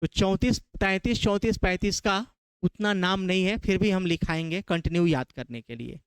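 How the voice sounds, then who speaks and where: A man's voice: high-pitched, normal speed, clear, resonant tone, no room sound. A man from Bihar with a Bihari Hindi accent, teaching a classroom lecture, quizzing his students and repeating key terms.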